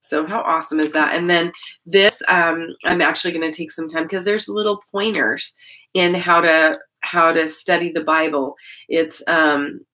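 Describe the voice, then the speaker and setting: A middle-aged woman from Idaho with a deep voice hosts a Bible-reading channel, chatting in a casual devotional vlog from a small indoor room at home. Her intonation is fairly even, her pace moderate and her tone pushed and bright. She rambles chattily, often breaking off and restarting sentences.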